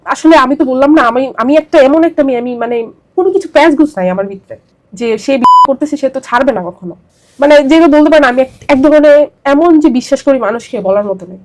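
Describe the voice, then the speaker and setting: A young interviewee with a Bangladeshi accent describes her own experiences in an animated, fairly high voice, with a little noise in the background. She talks fast and keeps repeating herself for emphasis as her story spills out.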